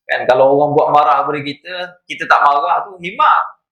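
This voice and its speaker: A man's voice: a little high, fairly quick, pushed and bright. A man with a Malaysian Malay accent giving an evening religious lecture, telling stories and checking in with his listeners. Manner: storytelling, rhetorical asides to listeners. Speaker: religious teacher. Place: madrasah prayer hall. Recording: echoey hall.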